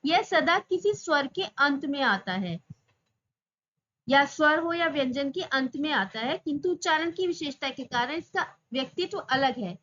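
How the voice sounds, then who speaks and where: A woman teaching an exam-prep lesson. She asks questions and answers them herself, and she slowly draws out the example sounds. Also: high-pitched, animated, a bit bright. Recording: slightly dull lo-fi audio.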